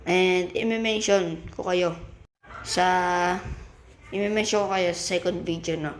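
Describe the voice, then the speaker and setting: A man with a Filipino accent hosting a gaming channel, giving excitable casual commentary as he plays and exclaiming when things go wrong. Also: sits high, takes it slowly, slight background noise. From Philippines. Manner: excitable, yelps and exclaims while playing.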